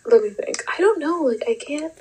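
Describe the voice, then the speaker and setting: A young woman chatting casually as a vlog host, animated and giggly with lots of fillers. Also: sits high, moderate pace, slight background noise, poor audio. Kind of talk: casual chat.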